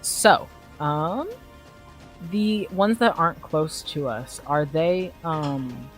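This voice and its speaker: Slow-talking tabletop player, mid-pitched, halting, full of ums. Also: faint music behind. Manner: slow, hesitant, thinking aloud. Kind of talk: casual chat in a tabletop game.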